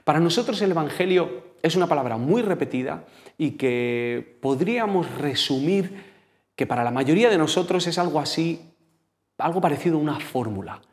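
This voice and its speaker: A man's voice: on the high side, animated, normal speed, darkish tone. A man with a Spain Spanish accent preaching a sermon in a conversational, storytelling way, speaking directly to the congregation.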